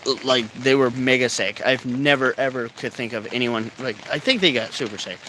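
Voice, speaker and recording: A man's voice: mid-range voice, a little fast, bright, forceful tone, rough recording. Laid-back stoned man rambling outdoors in rain. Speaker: vlogger. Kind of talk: casual rambling chat to camera. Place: outdoors in rainy, cold weather. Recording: faint rain noise outdoors. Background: light rain.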